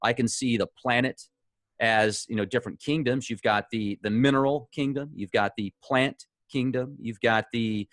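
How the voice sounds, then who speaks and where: A man's voice: medium pitch, steady tone, normal speed, a bit bright, no echo. A man hosting an interview, talking in a loose, chatty way. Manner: chatty, loose, laughs now and then. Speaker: interview host. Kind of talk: casual interview chat.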